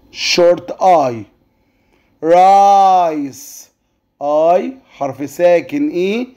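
A male English teacher with an Egyptian Arabic accent, explaining a lesson to children and reading words slowly and carefully. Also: high voice, mellow. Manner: slow careful word-by-word reading, drawn-out model pronunciation.

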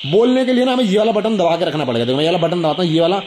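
Against a noisy background, a young toy review host speaks in a high voice at rapid-fire speed. He chats casually through a hands-on unboxing, demonstrating as he goes and frequently addressing viewers.

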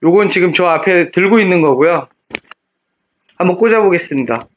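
A man's voice: high voice, lively intonation, a little fast, noisy background. A man reviewing products, repeating plain test phrases while recorded through a bluetooth headset microphone. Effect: heard through a bluetooth headset mic. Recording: muffled lo-fi bluetooth mic.

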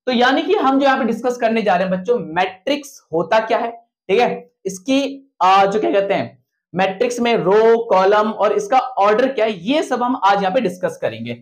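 A man's voice: high-pitched, lively intonation, moderate pace. A man who teaches physics and maths, lecturing his students in a classroom style, asking questions and repeating the answers back to them. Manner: mixes in English technical terms.

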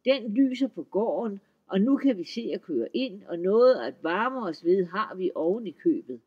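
A man's voice: high-pitched, lively intonation, slightly rough, dull audio. A man voicing a sly young farmhand who answers politely and innocently, read in a folk-tale audiobook. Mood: dutiful. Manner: mild, polite, mock-innocent.

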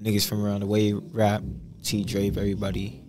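A man's voice: on the low side, completely flat delivery, a little fast. A young man, a rapper from Boston, talking casually in an interview with a laid-back, slangy manner. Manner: laid-back, slangy, many "you know what I mean" tags. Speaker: rapper guest.

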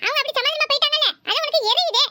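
A woman's voice: very high-pitched, racing, pushed and bright, dry recording, clean studio sound, heavily acted. A woman voicing a mischievous young grandson in a cartoon, teasing and sassy, with a Tirunelveli Tamil accent.

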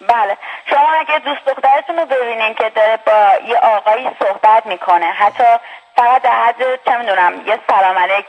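A woman calling in to a show, arguing her point in a hesitant, halting way. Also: a little high. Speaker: caller. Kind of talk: call-in debate over the phone. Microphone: phone line. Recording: dull phone-line sound.

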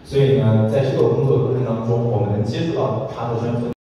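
A man's voice: mid-range voice, steady tone, music in the background. Man's formal speech in an echoey room. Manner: measured, official reporting tone. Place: meeting room. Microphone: far camera. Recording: distant echoey room, dull sound.

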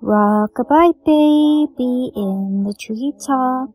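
Woman as an eerily slow school principal. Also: high-pitched, a little mellow, breathy edge, no echo, studio quality, heavily acted. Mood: eerily calm. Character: school principal making sinister intercom announcements. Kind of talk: acted short social video skit.

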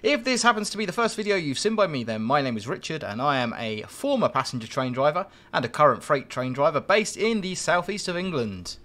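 Male stream host, chatty and jokey, fairly high, lively pitch. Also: brisk, hardly any pauses. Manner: chatty, jokey, rambling asides to chat. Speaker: live-stream host and train driver. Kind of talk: live-streamed gameplay commentary.

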